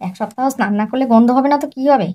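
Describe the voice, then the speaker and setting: A woman's voice: fairly high pitch, very fast, warm tone. A woman narrating a comic family skit and playing a nagging, exasperated wife. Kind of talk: comic storytelling with acted dialogue.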